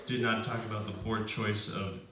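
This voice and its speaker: A man's voice: lowish voice, level tone, moderate pace. A man telling a personal story live on stage, talking in a loose conversational way full of restarts and "like.". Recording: very echoey room, distant mic, faint hiss.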